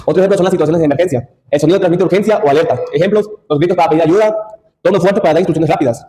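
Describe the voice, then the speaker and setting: A young man presents a topic to his classmates, reading from slides and stumbling into restarts. He talks very fast in a mellow, slightly raised voice. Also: a little high, rough recording. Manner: reads from slides with restarts and asides. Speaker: student presenter.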